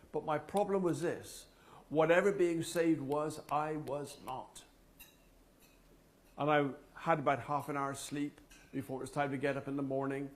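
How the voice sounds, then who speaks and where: A man giving a personal testimony to a men's group, telling his story slowly and dramatically with long pauses. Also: a little high. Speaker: speaker at a men's fellowship meeting.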